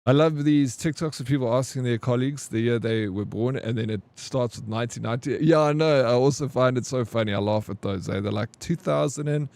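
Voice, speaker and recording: A man's voice: medium pitch, a little fast, gravelly, hardly any pauses, darkish tone. A man in his forties chatting casually with his live-stream chat, joking and answering comments. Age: 40s. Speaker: game streamer.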